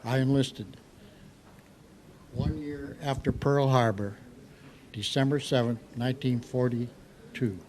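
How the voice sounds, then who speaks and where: An American man in his eighties, an old war veteran remembering his service in a halting, reflective interview. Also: medium pitch, fairly even intonation, a little mellow, slight background noise. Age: 80s. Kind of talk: recounting war memories in an interview.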